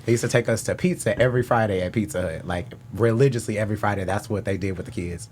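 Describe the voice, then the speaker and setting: A man co-hosting a podcast, lively and teasing in casual chat, tossing quick asides. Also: fairly low pitch, slight background noise. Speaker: podcast co-host.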